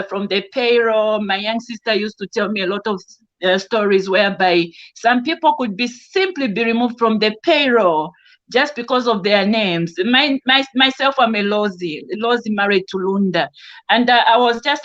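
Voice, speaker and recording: An earnest woman from Zambia speaks in a fairly high voice, often restarting her sentences and filling gaps. She is calling in from home over a video link. The audio is dull and lo-fi. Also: a bit bright. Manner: earnest, with frequent restarts and fillers. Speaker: caller on an online discussion. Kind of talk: casual spoken testimony.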